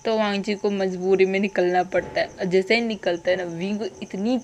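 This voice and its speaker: A woman's voice: mid-range voice, fairly even intonation, moderate pace, darkish tone, a little hiss or hum. A woman casually retelling a story in a chatty way, often addressing her listeners directly.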